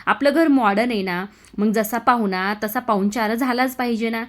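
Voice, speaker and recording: A woman's voice: fairly high pitch, moderate pace, close to an everyday voice. A woman voicing an insistent, needling older aunt in a retold family serial. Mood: pushy. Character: nosy older woman pushing wine on a guest.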